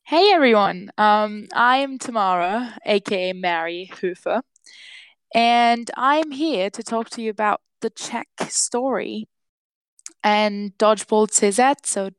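A woman's voice: medium pitch, clear, resonant tone, no room sound. Woman, young adult, guest, frequent ums, dry sound. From Austria. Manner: frequent hesitant ums between phrases. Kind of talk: prepared monologue.

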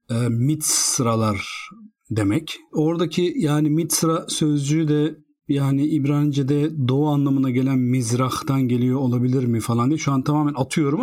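A man's voice: mid-range voice, darkish tone. A man with a mid-range voice in an easygoing chat. He poses curious questions and muses aloud, openly guessing as he reasons. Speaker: co-host asking questions. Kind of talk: casual chat.

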